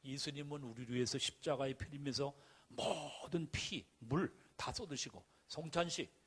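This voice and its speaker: A middle-aged man preaching to his congregation, his voice husky and a little rough. He drives points home with repeated commands and rhetorical questions. Storytelling stretches fall quieter, then rise into loud calls. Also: mid-range voice, normal speed. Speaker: pastor. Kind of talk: sermon.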